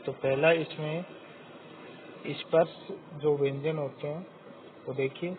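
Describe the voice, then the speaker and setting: A man with a slightly raised voice teaches a grammar lesson, moving very slowly and sounding out each letter with care. The recording is thin and phone-like, with a faint hiss under it. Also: a little high, fairly even intonation. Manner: slow, deliberate, spells out each letter sound.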